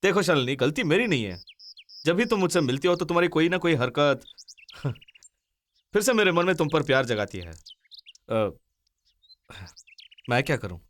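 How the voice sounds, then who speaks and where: A man's voice: a little high, big pitch swings, normal speed, pauses often, a bit bright. A man dubbing a cheeky young man who playfully teases his sweetheart, laughing as he talks, in a Hindi film dub. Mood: teasing. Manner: playful, teasing, laughing often. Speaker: male lead of a dubbed film.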